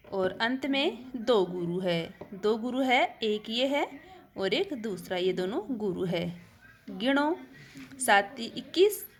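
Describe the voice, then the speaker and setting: Woman, teacher; patient lesson voice, sits a little high, counts out loud, quizzes the class. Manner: counts syllables aloud, asks and answers her own questions. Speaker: Hindi literature teacher. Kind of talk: classroom lesson on verse meter.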